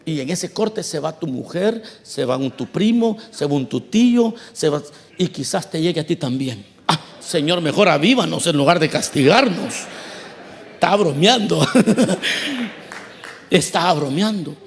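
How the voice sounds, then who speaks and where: A man with a high-pitched voice preaches a sermon. He talks to his listeners directly and keeps questioning them. He acts out the voices he quotes with broad swings in pitch and loudness. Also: expressive, a little slow. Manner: conversational preaching, asks the congregation questions. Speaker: pastor.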